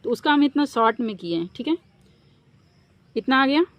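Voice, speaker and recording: A woman teaching an English workbook lesson in Hindi, explaining slowly and asking the class to repeat words back. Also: high voice, animated, dull audio.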